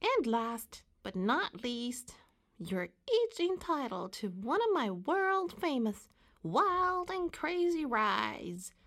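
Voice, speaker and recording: A woman plays a squeaky storybook cow putting on a party show. The voice is high and swooping, grandly boastful, with hammy announcements. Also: very animated, takes it slowly, a bit bright, full character voice. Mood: showy, boastful.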